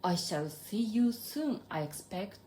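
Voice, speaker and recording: A woman with a Japanese accent voicing a calm, kindly old male wizard in a storybook reading, speaking in a gentle, measured way. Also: medium pitch, a little hiss or hum.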